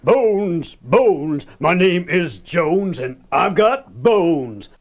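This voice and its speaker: A man's voice: sits high, very animated, extremely slow, heavily acted. A man playing a jolly street bone seller who sings and talks in bouncy rhyming patter, on a children's record. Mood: singing. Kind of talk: children's record song and skit. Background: guitar music.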